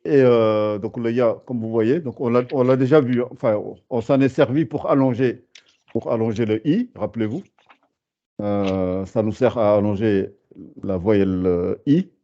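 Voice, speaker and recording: A man teaching a beginner lesson over a video call, patient, hesitant and full of fillers, drawing out syllables slowly. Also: lowish voice, warm tone, muffled recording. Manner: hesitant, many fillers and restarts. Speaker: Arabic teacher.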